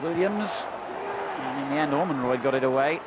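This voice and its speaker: A man giving live football commentary, excitable, with his voice leaping up into shouts at big moments. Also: mid-range voice, fairly quick. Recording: loud stadium crowd roar and noise. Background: noisy football crowd.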